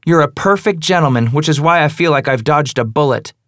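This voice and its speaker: Mocking young woman, provocative and cutting, put on by a male reader; sits high above a low voice. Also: moderate pace, no room sound, studio quality, close to an everyday voice. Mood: taunting. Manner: taunting, teasing.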